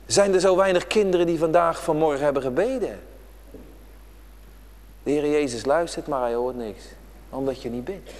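A man's voice: a little high, a little mellow, in a large hall. A man preaching an emphatic, repetitive prayer-day sermon to children in a church. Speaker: pastor.

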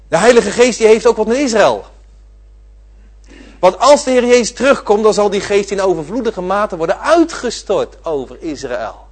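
A man preaching a sermon, repeating his phrases and swinging from loud declarations to quiet asides. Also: sits high, husky. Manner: emphatic, repeating phrases with swelling and dropping volume.

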